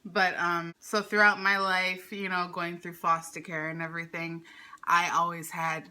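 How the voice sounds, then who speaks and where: A relaxed woman in her twenties from Hawaii, chatting easily as an interview guest and laughing often. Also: fairly low pitch, moderate pace. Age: 20s. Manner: relaxed, giggly, easygoing. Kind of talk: casual conversational interview.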